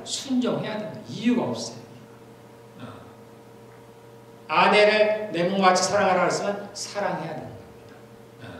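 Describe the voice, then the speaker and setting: High-voiced pastor in an echoing church. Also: male voice. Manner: conversational preaching with repeated phrases. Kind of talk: sermon. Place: church sanctuary. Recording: very echoey church hall, faint noise.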